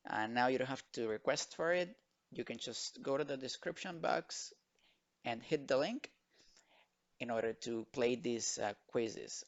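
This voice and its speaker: A man's voice: a little high, gravelly, muffled recording. A man teaching English vocabulary to children in an online lesson, switching between Spanish and English and patiently repeating each word. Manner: slow, drilled repetition of words.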